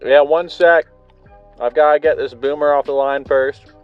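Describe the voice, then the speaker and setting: A man's voice: fairly high pitch, steady tone, normal speed, smooth, narrow, tinny audio, faint music behind, voice pushed up, close to an everyday voice. A man voicing a bored, dismissive young woman taking pizza orders over the phone, curt and distracted. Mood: offhand. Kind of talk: horror story narration.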